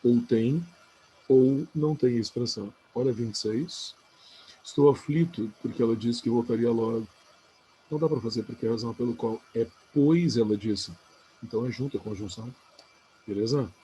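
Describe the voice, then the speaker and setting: A man's voice: medium pitch, moderate pace, warm tone, slight background noise, poor audio. A man giving a casual spelling review lesson, chatty and coaxing, often checking in with the listener. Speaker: Portuguese teacher.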